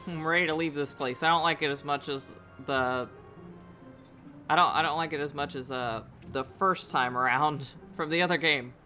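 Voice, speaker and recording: A man's voice: fairly high pitch, moderate pace, pushed and bright, faint music behind. A man giving casual gameplay commentary, chatty and talking to viewers, laughing often. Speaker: let's play host.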